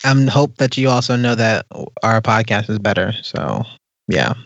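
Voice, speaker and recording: A man's voice: fairly low pitch, normal speed, dry recording, lo-fi sound. A man hosting a podcast in casual, chatty style. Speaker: podcast host.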